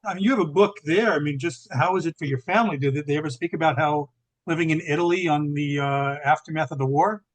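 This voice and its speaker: A man with a slightly high pitch hosts the interview. He talks quickly and asks loose, rambling questions. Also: low-quality recording. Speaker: interview host. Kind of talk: interview conversation.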